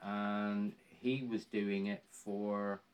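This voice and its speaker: A man in his sixties with a Cornish accent, talking casually in an interview in a halting way, circling back over his phrases. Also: fairly low pitch, level tone. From Cornwall, England. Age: 60s. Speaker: interviewee, volunteer woodland ranger.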